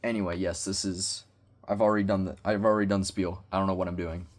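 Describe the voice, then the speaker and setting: A man's voice: low-pitched, little pitch movement, fast. A young man vlogging from his bedroom, rambling awkwardly and joking at his own expense in loose slang as he reviews a toy. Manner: awkward, self-deprecating, slangy. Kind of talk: casual rambling vlog. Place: bedroom with bookshelves.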